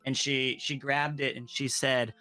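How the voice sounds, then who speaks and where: A man and voice actor telling a strange work story in casual chat, animated and acting out the voices he quotes. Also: medium pitch, unhurried, no room sound, soft background music.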